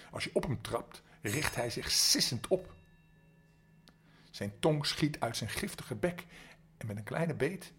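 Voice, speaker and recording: Older man, husky, bedtime storyteller. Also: mid-range voice. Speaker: grandfather storyteller.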